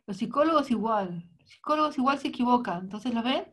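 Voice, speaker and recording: A woman voicing a live interpretation in the first person, with halting phrasing and restarts. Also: fairly high pitch, expressive, breathy edge. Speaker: sign language interpreter.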